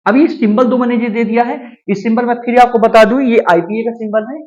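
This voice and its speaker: A man teaching English pronunciation as a spoken lesson, repeating each word slowly several times and asking and answering his own questions. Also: very high voice, steady tone, a little mellow, lo-fi sound.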